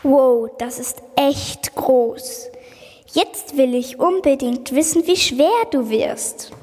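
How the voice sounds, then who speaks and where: A woman's voice: high voice, animated, slow pace, a little mellow, long reverb tail. A young speaker playing a curious time-traveling girl who asks eager questions and stumbles over her words. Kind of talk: children's school podcast role-play.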